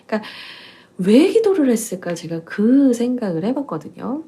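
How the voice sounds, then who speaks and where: Female pastor, conversational Bible teaching, playful tone, breathy timbre. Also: fairly high pitch, sing-song, normal speed, warm tone. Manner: chatty, playful, with laughs and quiz-like questions. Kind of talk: casual Bible teaching talk.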